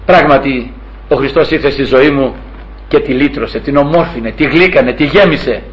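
A man in his sixties preaching a fervent sermon, retelling scripture and stories and calling out to his brothers. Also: medium pitch. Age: 60s. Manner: fervent, storytelling, often addressing brothers. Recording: dull lo-fi recording.

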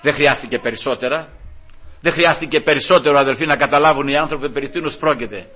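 A man's voice: fairly high pitch, bright, forceful tone. A man preaching a sermon, telling a story and often addressing the congregation directly.

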